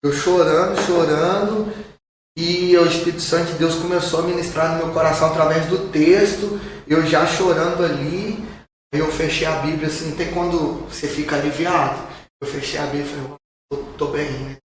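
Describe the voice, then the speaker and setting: A pastor with a Brazilian Portuguese accent tells a personal testimony in a podcast, in an earnest storytelling manner and repeating phrases for emphasis. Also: male voice, a little high, steady tone, normal speed. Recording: very echoey room, distant mic, faint noise.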